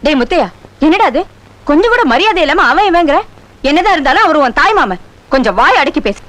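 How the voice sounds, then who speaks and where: A middle-aged woman playing a mother who scolds and pleads quickly in a film scene. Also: sits high, sing-song. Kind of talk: Tamil film dialogue. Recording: film soundtrack with loud music behind. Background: film score music.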